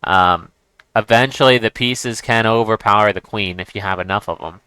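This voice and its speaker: A man's voice: fairly low pitch, moderate pace, sharp tone, clear, resonant tone, dry recording. A man giving casual chess commentary as he plays, thinking aloud and restarting his sentences. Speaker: chess streamer.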